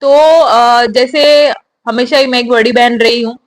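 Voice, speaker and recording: A young woman with a bright, high voice answers interview questions. She speaks in a steady, earnest way and gives advice. Her tone is sincere and unhurried. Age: young adult. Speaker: newly commissioned army officer, interviewee.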